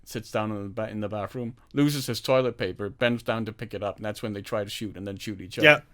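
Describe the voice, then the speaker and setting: Man, film podcast host, casual chat, animated retelling, laughs a lot, lowish voice. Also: fast talker. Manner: animated storytelling, laughs often.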